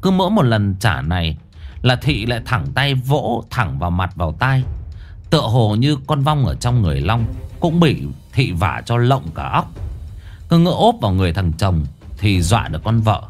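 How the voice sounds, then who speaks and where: A man's voice: lowish voice, big pitch swings, normal speed, faint music behind. A man narrating a ghost story in a colloquial, crude and dramatic manner.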